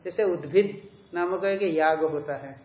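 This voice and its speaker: A man's voice: fairly high pitch, measured pace. A man giving a scriptural commentary lecture as a spiritual teacher, reading the text line by line and explaining it by asking questions and answering them with everyday examples. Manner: reads and corrects a text line by line with students. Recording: echoey, dull lo-fi room recording.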